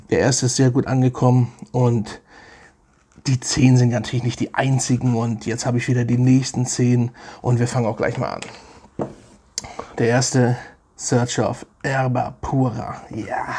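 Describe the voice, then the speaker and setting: A man's voice: mid-range voice, little pitch movement, unhurried, long pauses, warm tone, a little hiss or hum. A middle-aged man reviewing fragrances in a casual, enthusiastic way, often repeating his praise. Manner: enthusiastic, repeats words like 'sehr, sehr nice'.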